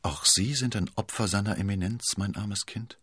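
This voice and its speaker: A kindly older abbess, soft and full of pity, speaking in a low, husky voice, as a male narrator plays her. She sounds guileless and warm-hearted, a storybook nun. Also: moderate pace, no room sound, clean studio sound. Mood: compassionate. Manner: gentle, pitying.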